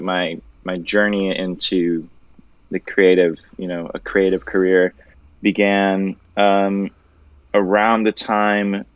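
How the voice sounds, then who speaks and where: A low-voiced young man from Venezuela chats loosely as a guest artist, joking and swearing now and then. The audio is dull and dry, with no room around it. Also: no room sound. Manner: laid-back, loose and joking, with casual swearing. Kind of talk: casual interview chat.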